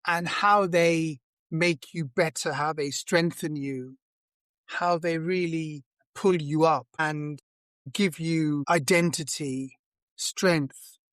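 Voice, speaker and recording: A middle-aged man hosting a podcast interview, speaking in measured phrases and listing ideas one by one. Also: on the high side, a bit bright, no room sound. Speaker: host, arbitration lawyer.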